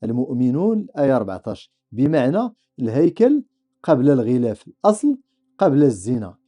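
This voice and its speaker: A man's voice: medium pitch, very animated, fairly quick, mellow. A man with a Moroccan accent giving reflective, rhetorical scripted narration for a podcast. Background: faint music.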